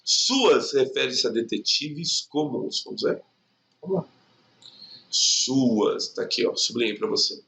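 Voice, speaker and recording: A man's voice: medium pitch, expressive, unhurried, gravelly, bright, forceful tone. A man from Brazil walking through exam grammar questions as a teacher, casually checking in with rhetorical questions. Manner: informal, explains with rhetorical questions and "tá?".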